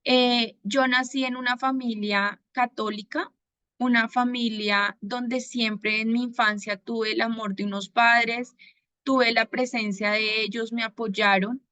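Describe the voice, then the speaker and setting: A woman from Bogotá with a Colombian accent, giving a personal faith testimony in an earnest manner, pausing often to gather her words. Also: on the high side, fairly even intonation, sharp tone, no echo. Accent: Bogotá Colombian Spanish. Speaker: testimony giver.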